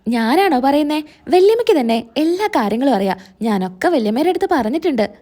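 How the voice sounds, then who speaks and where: Woman voicing jealous young niece, sneering, complaining, high lively voice. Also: brisk. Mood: scornful.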